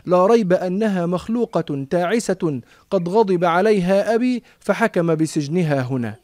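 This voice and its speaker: A man's voice: high-pitched, animated, normal speed, darkish tone, dry recording, clean studio sound. A man reading the lines of a kind, curious young princess in a storybook tale. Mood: gentle.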